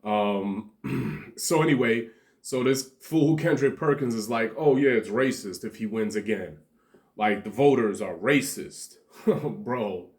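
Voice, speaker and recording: A man's voice: fairly low pitch, takes it slowly. Rambling slangy man vlogging. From Montenegro. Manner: rambling and animated, slangy, laughs between points. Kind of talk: casual commentary monologue.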